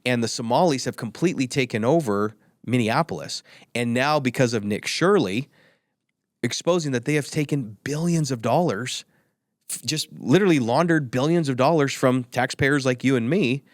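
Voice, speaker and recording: A man guesting on an interview podcast, heard close and dry with no room sound. His pitch is average for a man. He argues in an emphatic, insistent way and circles back to the same points again and again. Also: no echo. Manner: emphatic, repetitive, argumentative. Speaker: guest, tech company executive. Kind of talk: opinionated interview talk.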